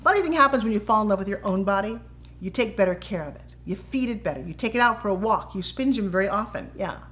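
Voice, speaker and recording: A woman's voice: mid-range voice, animated, fast, a bit bright. A middle-aged woman teaching a fitness-toy demo in a chatty, enthusiastic way with playful asides. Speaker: brand ambassador and fitness instructor. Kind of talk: instructional demo talk.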